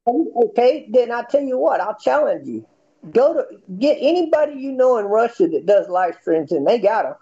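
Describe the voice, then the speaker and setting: An American man in his fifties with a high-pitched, soft-edged voice. His intonation jumps around as he argues bluntly and profanely in a heated, informal debate. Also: big pitch swings, normal speed, lo-fi sound. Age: 50s.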